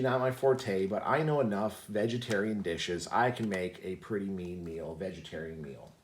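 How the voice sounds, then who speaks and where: A man's voice: mid-range voice, echoey room. A man hosting a casual vlog, telling a personal story in a rambling way with many fillers and restarts. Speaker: channel host.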